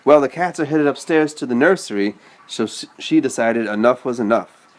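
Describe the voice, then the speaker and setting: Reading a children's story to a child, this man speaks in a mid-range voice with lively intonation and a moderate pace. He pauses to chat patiently and explain things in casual asides.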